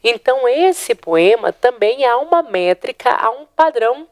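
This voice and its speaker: Brazilian female teacher, patient explainer, smooth resonant tone, close and dry. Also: fairly high pitch, expressive, a little mellow, no room sound. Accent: Brazilian Portuguese. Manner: explains step by step with frequent "né?" check-ins; counts syllables aloud slowly. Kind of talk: online exam-prep lesson.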